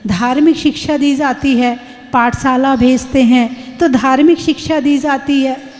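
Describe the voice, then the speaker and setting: Woman, nun's sermon, high voice, unhurried, emphatic, long hall reverb. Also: steady tone, darkish tone. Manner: emphatic, rhetorical questions to the audience. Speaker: Jain nun giving a sermon.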